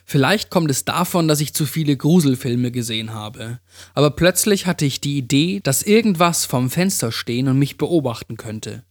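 A man narrating a first-person horror story in a calm, hushed storytelling manner. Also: mid-range voice, normal speed, no room sound, clean studio sound. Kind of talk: first-person creepypasta reading.

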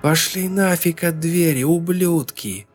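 A man's voice: fairly even intonation, normal speed, darkish tone, soft background music, lightly acted. A male narrator voicing a hysterical, vicious woman who screeches threats and hisses insults. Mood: screeching. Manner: shrill, hissing, screaming threats.

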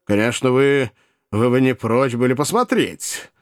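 A man voicing a blunt, gruff older country host who speaks brusquely. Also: medium pitch, no room sound, studio quality, close to an everyday voice. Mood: hearty. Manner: brusque, quick.

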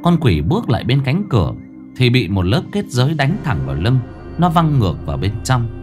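A man narrating a ghost story in a dramatic, expressive way. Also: medium pitch, a little fast, music in the background.

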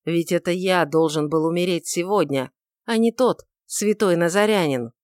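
A woman's voice: on the low side, normal speed, a little mellow, no room sound, close to an everyday voice. A woman voicing a troubled, passionate male outlaw who speaks in a brooding, pleading way, on a dry recording. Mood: grieving pleading.

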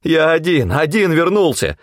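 High shrill crazed scavenger, yelling and begging, dry audiobook sound. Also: male voice, big pitch swings, moderate pace, dry recording. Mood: frantic shrieking. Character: frantic ragged young male scavenger, shrieking.

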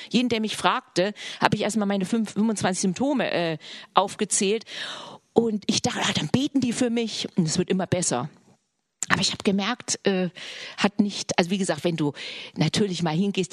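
A woman preaching a sermon in an earnest way, often dropping into soft whispered passages. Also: mid-range voice, husky, dry recording, studio quality.

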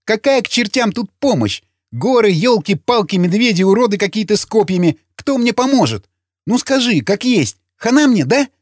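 A man's voice: sing-song, normal speed, dry recording, clean studio sound. A man voicing a panicky, foul-mouthed wounded young man who cries out in frantic bursts. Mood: panicked. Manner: shrill, frantic, cursing.

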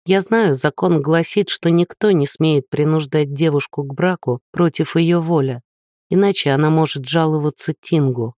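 A man's voice: fairly high pitch, moderate pace, a little mellow, no echo, studio quality, natural voice. A man voicing a shy but stubborn young woman in a storybook reading, speaking timidly and earnestly.

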